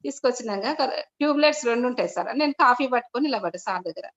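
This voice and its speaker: Racing along in a fairly high, expressive voice, a middle-aged woman shares her meditation story with an online meeting. The rambling account keeps restarting and is peppered with polite address, captured in dull, lo-fi video call audio.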